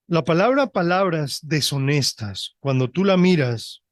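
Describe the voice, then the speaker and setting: A male pastor preaching a sermon, reading scripture deliberately and often checking in with his listeners. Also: fairly high pitch, expressive, no room sound. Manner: reads scripture slowly and deliberately.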